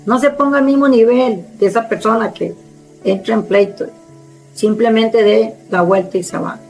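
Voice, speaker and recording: Forceful woman evangelist preaching. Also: on the high side, steady tone, moderate pace, soft background music, poor audio. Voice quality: strong, forceful speaking tone. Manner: preaches with authority, emphatic and direct. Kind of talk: sermon.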